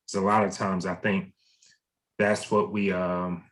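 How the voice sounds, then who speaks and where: A man's voice: low voice, flat delivery, unhurried, poor audio. Easygoing man guiding a meditation group. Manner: easygoing, gently encouraging. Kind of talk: casual group call hosting.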